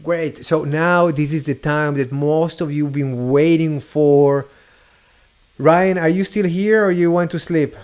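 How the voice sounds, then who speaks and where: A man with an Argentinian accent touched by Hebrew hosts a playful mentalist show over a video call, teasing his guests in an upbeat way and slowly drawing out each reveal. His voice is a little high, steady, darkish, and clean.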